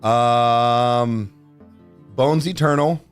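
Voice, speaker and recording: A mid-pitched man co-hosts a casual live stream, talking loosely and bluntly. He swears freely while telling stories, and faint music plays behind him. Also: very slow, clean tone. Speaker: co-host.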